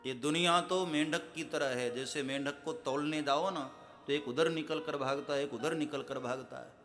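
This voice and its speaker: A male preacher tells a devotional story, breaking into chanted verse couplets and turning to speak straight to his listeners. His voice is bright and fairly high, with soft instrumental music playing faintly behind. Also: normal speed. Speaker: katha preacher.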